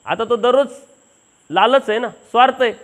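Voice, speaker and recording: A man's voice: extremely high pitch, normal speed. A man preaching at a village satsang, telling a homely parable and acting out the voices of the people in it. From Maharashtra. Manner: acts out the dialogue of the people in his story, earnest and homely. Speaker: Mahanubhav preacher. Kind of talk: village satsang sermon with storytelling.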